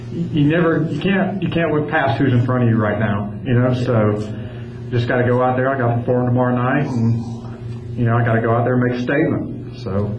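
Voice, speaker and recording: A man, a fighter, answering press questions in a conversational way, peppered with "you know". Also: medium pitch. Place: press conference room. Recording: echoey room, dull sound, faint noise.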